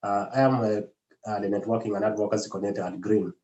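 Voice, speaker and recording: Hesitant low-voiced man in echoey room. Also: little pitch movement, fast, darkish tone, dull audio. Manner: hesitant, many fillers. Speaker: workshop facilitator. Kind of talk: online workshop presentation.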